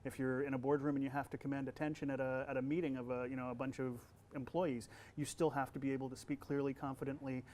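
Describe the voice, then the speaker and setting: Relaxed and casual in interview, this man, a voice actor who also teaches college, answers at a quick pace with few pauses, though he still uses many fillers and restarts. His young-sounding voice is mid-range, and there's slight background noise.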